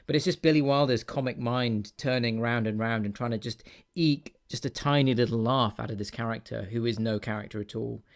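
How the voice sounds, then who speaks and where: A man's voice: medium pitch, a little fast, hardly any pauses. Rambling man hosting a film podcast. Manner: relaxed, rambling, restarts often. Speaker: podcast host. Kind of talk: casual film chat.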